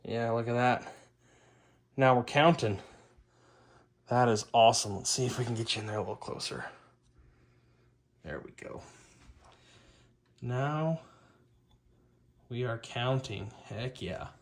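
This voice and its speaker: The host of a hi-fi repair channel gives a casual, upbeat hands-on repair demonstration, informally muttering half to himself while he works. His voice is medium-pitched, and he takes it slowly with long pauses.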